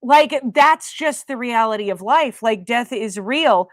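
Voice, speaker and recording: Woman, casual podcast chat, talkative, exasperated, slightly high, dry close mic. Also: expressive, measured pace, no room sound. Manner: chatty, lots of "like" fillers, exasperated. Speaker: podcast co-host.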